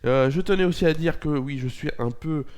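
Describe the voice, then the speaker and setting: Fairly high and a little mellow, this young man's voice moves briskly as he reads a local news and weather bulletin while congested from a cold. His delivery is hesitant, with frequent fillers and self-corrections.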